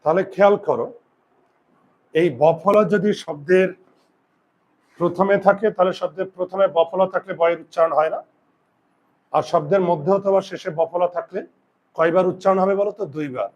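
A male teacher with a fairly high voice leads a classroom grammar lesson. He puts questions to his students and answers them himself. He slows right down to dictate each rule for them to write down. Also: steady tone, muffled recording. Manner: slow deliberate dictation of rules.

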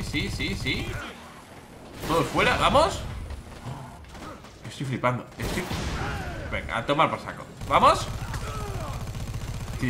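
A man with a Spain Spanish accent doing let's play commentary as a gaming YouTuber, excitable and exclamatory, often repeating his words. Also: fairly high pitch, background noise.

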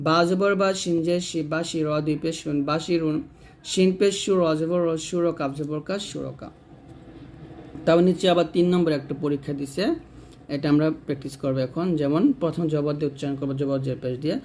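A man teaching Quran reading, chanting letter and vowel drills in a steady rhythm. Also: a little high, a little fast, a little hiss or hum. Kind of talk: spelling-drill lesson.

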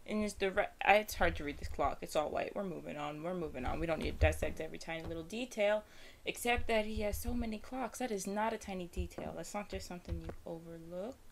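A woman's voice: on the low side, fast talker. A young woman giving casual, self-deprecating commentary while playing a game, chatty and nervous. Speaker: gaming streamer. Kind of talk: casual let's-play commentary.

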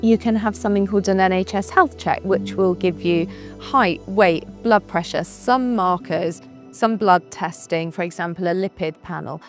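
A woman's voice: mid-range voice, normal speed. A female doctor in her forties giving advice in an interview, earnest and reassuring. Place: bright office with large windows. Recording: soft music underneath.

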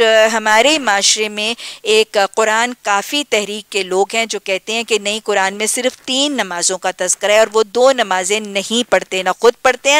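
A woman with a Pakistani Urdu accent giving a Quran lesson, earnest and emphatic, slowing down for Arabic recitation. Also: mid-range voice, a bit bright, smooth, no echo. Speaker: Quran teacher.

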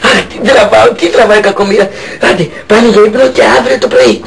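A man's voice: sits high, vocal fry. A man voicing a weary, scolding mother in a comedy sketch. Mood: exasperated. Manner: scolding, exasperated. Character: weary, fussing middle-aged mother. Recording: music playing behind.

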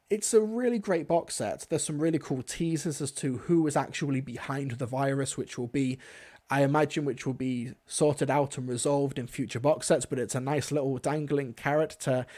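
A man's voice: mid-range voice, a little mellow. A young man hosting a livestream, giving casual review commentary into a close desk microphone at home. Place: small indoor room at home. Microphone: desk microphone close in front.

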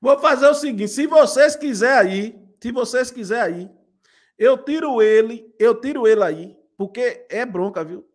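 A man's voice: very high voice, expressive, a little slow. A man hosting a live stream and commenting casually, repeating himself and ending lines with little tags asking for agreement. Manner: chatty, repetitive, ends lines with "né?" and "viu?". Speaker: pastor and channel host commenting.

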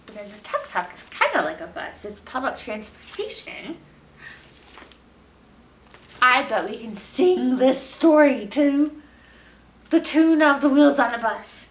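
A middle-aged American woman, acting as a librarian, hosts a children's story time for young listeners with exaggerated expression while sitting on a couch in an indoor library room. Her voice sits on the high side and sounds a bit bright. A distant mic picks her up in a roomy space with faint noise.

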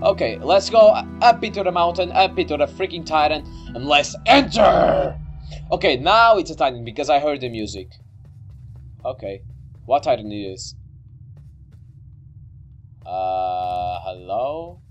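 A young man doing excitable, easily startled, sweary let's play commentary on a video game. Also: on the high side, measured pace, long pauses, dull audio. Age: young adult. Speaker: gaming video creator. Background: game music.

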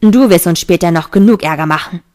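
A woman's voice: lowish voice, fairly quick, a little mellow, natural voice. A woman reading the lines of a tense, stubborn young male angel in a fantasy audiobook.

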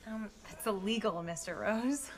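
An actress playing an earnest rambling waitress. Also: female voice, mid-range voice, moderate pace, soft background music, lightly acted. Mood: confiding. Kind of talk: sitcom acting.

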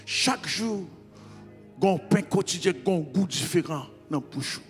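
A man with a Haitian accent preaching a sermon as pastor, mixing Creole into French and calling on the congregation to repeat after him until he is shouting. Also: sits high, lively intonation, measured pace, in a large hall, faint music behind. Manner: mixes Creole into French, call-and-response, builds to shouting.

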